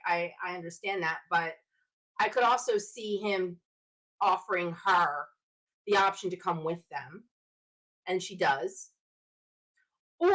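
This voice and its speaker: A woman's voice: mid-range voice, a bit bright, poor audio. A woman hosting her own show, talking casually on her own and thinking aloud as she speculates in a chatty way. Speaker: show host. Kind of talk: casual solo fan commentary.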